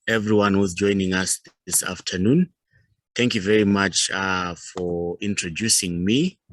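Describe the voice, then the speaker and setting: Leading a youth organization, a man with a Zimbabwean accent gives a formal presentation, measured and paced with pauses. His voice sits on the low side and sounds a bit bright in a dry recording.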